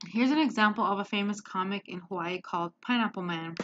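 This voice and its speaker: A woman giving a class presentation on slides, hesitant and filling pauses with many ums. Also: medium pitch, a bit bright, slight background noise. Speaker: student presenter. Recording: dull lo-fi sound.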